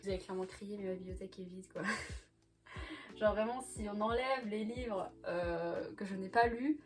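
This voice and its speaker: A young woman vlogger chatting casually about her books from the floor, laughing often and filling pauses with little hesitations. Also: mid-range voice, music in the background. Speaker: book vlogger. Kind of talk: casual chat. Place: bedroom floor by a bookcase.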